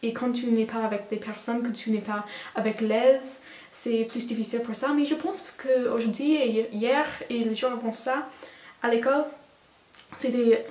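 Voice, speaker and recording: In a casual, unscripted vlog, a native English-speaking Canadian teenager tries out her French haltingly, reaching for vocabulary. Her voice is a little high and a little mellow, recorded with a roomy sound.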